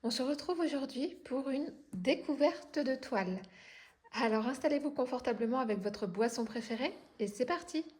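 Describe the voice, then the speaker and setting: A woman's voice: high-pitched, expressive, normal speed, a little mellow. A woman from France hosting her craft channel, chatting casually at home while unboxing, with many hesitant fillers and self-corrections. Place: home indoors.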